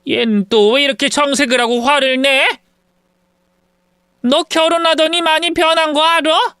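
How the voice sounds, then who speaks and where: A man's voice: very high voice, moderate pace, bright, forceful tone, clean tone, no room sound, clean studio sound, pitched above the performer's own voice. A man voicing an indignant, stubborn middle-aged mother who scolds her son with exasperated questions in a storytelling reading.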